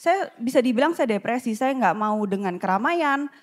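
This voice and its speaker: A woman stands at the front of a church and shares her personal story with the congregation. Her voice sits high, and her telling is candid, animated and self-deprecating. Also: moderate pace. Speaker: church member giving testimony. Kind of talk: personal testimony at church, casual.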